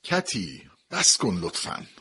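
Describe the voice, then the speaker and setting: A man voicing a reserved, gruff aging father-in-law in an audio story, speaking in a terse, weary, measured way. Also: lowish voice, big pitch swings, pushed and bright, full character voice. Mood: soothing. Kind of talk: dramatic audiobook dialogue.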